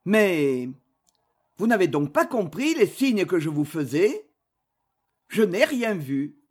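A woman doing a gruff blustering old uncle. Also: lowish voice, sing-song, slow pace, a little mellow, heavily acted.

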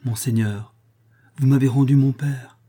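A devout young marquise in a storybook reading, voiced by a man. She speaks fervently and piously in a dark, husky tone. Her emotion stays close to the surface. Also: medium pitch, steady tone, measured pace, voice pushed up. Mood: earnest. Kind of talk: audiobook character voice.

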